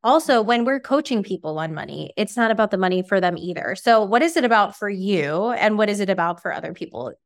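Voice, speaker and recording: A woman's voice: mid-range voice, lively intonation, fairly quick, few pauses. A woman hosting a podcast, chatty and curious, asking questions in a casual style with lots of "like"s. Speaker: podcast host.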